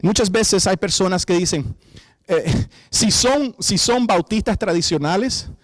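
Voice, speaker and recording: Brief: male pastor, high voice, animated sermon delivery, dry close mic. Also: a little slow, no room sound. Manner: animated preaching, quoting imagined voices, rising to shouts.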